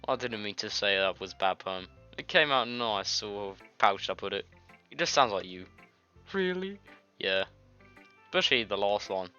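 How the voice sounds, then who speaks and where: This let's-player sounds congested and coughs as he reads visual novel lines with casual, informal jokes of his own. His voice is on the low side, bright and forceful. The dull lo-fi recording carries game music in the background.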